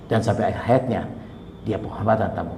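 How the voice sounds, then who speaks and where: A middle-aged man preaching a Friday sermon, telling a story and acting out the voices in it, swinging from loud to hushed. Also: lowish voice, quick pace, gravelly, slight background noise. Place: mosque. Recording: echoey hall with long reverb, faint ambience.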